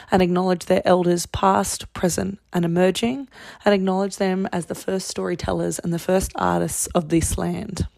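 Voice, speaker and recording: An Australian woman with a slightly low voice speaks as a podcast host. She delivers a prepared introduction, addressing the listeners directly. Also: gravelly, a little mellow.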